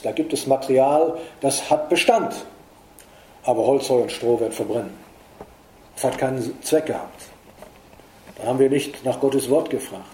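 Earnest middle-aged preacher in an echoey room. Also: male voice, dark tone, a little hiss or hum. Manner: earnest, emphatic, rises in pitch for stress. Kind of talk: sermon.

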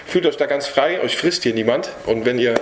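Earnest German-speaking preacher in an echoey hall. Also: male voice, mid-range voice, a little fast, background noise. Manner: earnest, direct, speaks to listeners with tag questions. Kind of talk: evangelistic sermon and closing prayer. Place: hall with an audience.

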